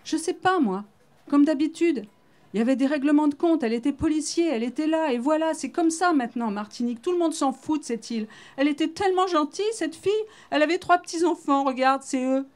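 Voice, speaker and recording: A woman's voice: medium pitch, a little fast, long pauses, warm tone, lightly acted. A woman reading aloud the lines of a grieving young man who speaks in a tearful, agitated way. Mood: bitter, upset.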